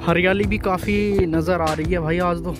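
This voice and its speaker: A man's voice: high voice, steady tone, moderate pace. A man walking outdoors and vlogging casually, chatting to viewers and calling them brother. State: tired from walking. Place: outdoors on city streets. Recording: music playing over voice.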